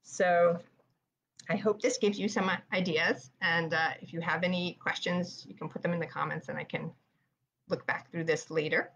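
Low-voiced New York woman, author type, rapid chatty delivery for a live writing workshop. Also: steady tone, fairly bright tone, highs cut off, slight background noise. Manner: fast-talking, chatty, with frequent fillers. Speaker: author presenting writing tips. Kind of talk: live-streamed writing presentation.

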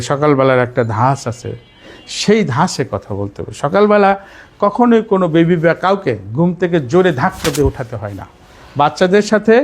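A man with a Bangladeshi accent teaches teachers about speech and tone. His slightly high voice rises and falls in wide, lively sweeps as he acts out each example. He switches to slow, careful English for key phrases. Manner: animated, demonstrates intonation and sounds aloud. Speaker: teacher trainer. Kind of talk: lecture to teachers.

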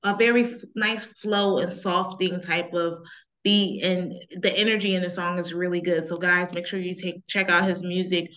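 Bright-voiced woman host, lo-fi audio. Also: lowish voice, little pitch movement, moderate pace. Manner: upbeat and encouraging, addresses viewers directly. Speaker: talk show host. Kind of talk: interview hosting.

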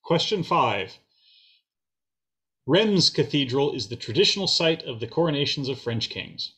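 Guy reading trivia answers on a video call, kinda high voice, slow and measured. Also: animated, bright, forceful tone. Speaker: trivia quizmaster.

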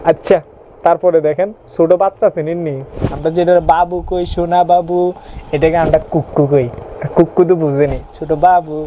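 A young man with a Chittagong Bengali accent chats in a playful vlog, his voice sitting a touch high. He teases the viewer with questions as he goes. A faint hum runs under the recording. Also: steady tone, fairly quick, warm tone, poor audio. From Chittagong region of Bangladesh. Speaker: YouTuber. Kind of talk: casual vlog about regional dialect words.

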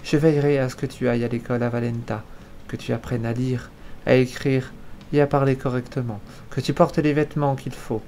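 A man reading the lines of a gracious, wealthy middle-aged countess in a soft, measured, murmuring way, in a storybook reading. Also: medium pitch, level tone, slight background noise, close to an everyday voice. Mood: gentle.

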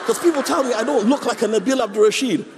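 A man's voice: very high-pitched, fast talker, over a noisy crowd, heavy background noise. A man in his thirties with a South London accent, speaking as a stand-up comedian. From Croydon, South London. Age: 30s. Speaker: stand-up comedian, talent show contestant. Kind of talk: talking about himself and performing stand-up. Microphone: handheld stage mic in parts.

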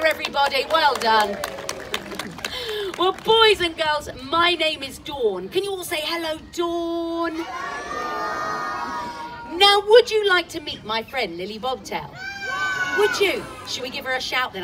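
A woman's voice: high voice, noisy background. A woman presenting a live children's show, coaxing the kids in a cheery call-and-response way. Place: outdoor farm show stage. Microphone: filmed from audience at a distance. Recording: distant audience-filmed live show. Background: crowd of children and music.

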